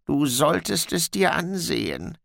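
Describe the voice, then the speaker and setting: A man's voice: on the high side, sing-song, unhurried, gravelly, a bit bright, dry recording, studio quality, voice pushed up, full character voice. A man voicing a wary male dwarf guard in an audiobook, who hesitates often. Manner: hesitant, with "äh" fillers.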